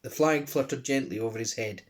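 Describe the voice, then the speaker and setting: A man with a Glasgow accent reading a children's book aloud, expressive, with chatty asides. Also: medium pitch, fairly quick. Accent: Scottish (Glasgow).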